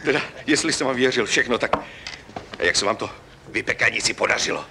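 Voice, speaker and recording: An actor in a 1970s film comedy playing a gruff, quick-tempered factory boss. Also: male voice, mid-range voice, noisy background, close to an everyday voice.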